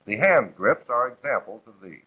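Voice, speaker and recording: An American man reads scripted narration for a 1940s instructional film, formal, authoritative and instructive in tone. His medium-pitched, slightly rough voice swings widely in pitch at normal speed, and the vintage soundtrack sounds muffled, like a phone.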